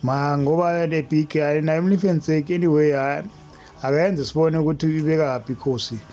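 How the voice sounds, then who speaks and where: A man's voice: fairly high pitch, fairly even intonation, fairly quick, warm tone, soft background music. A man with a South African accent casually sharing a sports opinion as a caller on a radio show. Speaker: radio call-in listener. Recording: dull lo-fi call audio.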